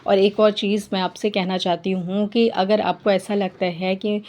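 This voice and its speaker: A woman vlogger giving earnest parenting advice, talking in a steady instructive way and repeating her points for emphasis. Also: medium pitch, moderate pace. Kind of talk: earnest advice talk to camera.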